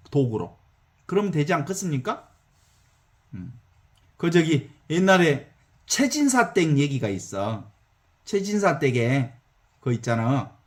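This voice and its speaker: Male priest, Jeolla accent, lively folksy sermon, fairly high voice. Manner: animated, folksy, asks the audience for assent.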